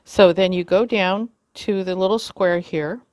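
A woman giving a casual how-to demonstration, talking haltingly with many fillers and self-corrections. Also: lowish voice, fairly even intonation, a little mellow. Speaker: video tutorial host.

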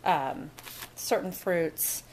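A woman's voice: lowish voice, very slow, darkish tone, a little hiss or hum. A woman walking through a recipe step by step in a casual kitchen demo at a home counter, recorded on the camera mic. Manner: chatty, step-by-step instructions. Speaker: cooking vlogger.

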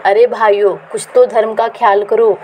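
A woman's voice: mid-range voice, flat delivery, normal speed, a little mellow, slight background noise, lightly acted, rough recording. Storybook reading: a woman voicing a scared plump young disciple, pleading and wailing.

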